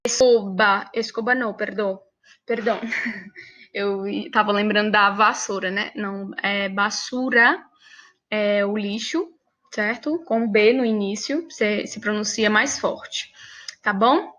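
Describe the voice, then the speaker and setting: A woman's voice: mid-range voice, measured pace, fairly bright tone. A Brazilian woman teaching a language lesson in a patient, repetitive way, often checking that her students follow. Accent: Brazilian Portuguese. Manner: patient, repeats words and asks for agreement. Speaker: Spanish teacher. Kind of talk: classroom lesson, mixing Portuguese and Spanish.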